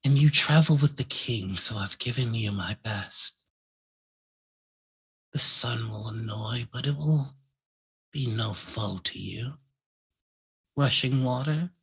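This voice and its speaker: A seductive vampire mother goddess in a tabletop game, played by a male game master. The voice is hushed and very breathy, with slow, solemn delivery. It sounds maternal, yet cold and possessive. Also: medium pitch, full character voice, rough recording.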